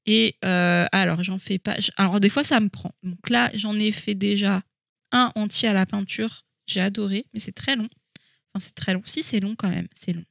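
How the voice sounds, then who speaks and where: A woman's voice: mid-range voice, steady tone, moderate pace, gravelly, fairly bright tone, dry recording, highs cut off. A woman chatting casually to camera at home about her coloring books, thinking aloud and hesitating with many fillers. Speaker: coloring hobby vlogger.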